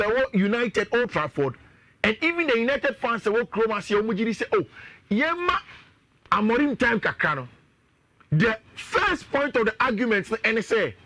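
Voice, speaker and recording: A man with a Ghanaian accent, a sports pundit giving energetic, analytical talk on a radio show and mixing in local phrases. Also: high voice, dry recording.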